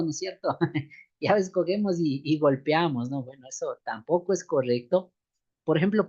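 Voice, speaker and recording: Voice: medium pitch, a little mellow, dull audio. A seminary instructor lecturing a church class on microphone technique, often ending phrases with questioning asides and calling listeners beloved brothers and sisters. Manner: frequent questioning tag asides to students.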